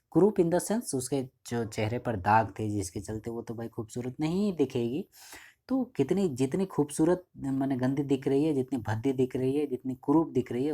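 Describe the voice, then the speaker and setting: गहरी, नरम आवाज़ वाला पुरुष शिक्षक. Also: male voice, medium pitch, warm tone. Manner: reads English lines slowly, then explains in Hindi with repeated "ठीक है". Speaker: teacher. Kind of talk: line-by-line lesson explanation.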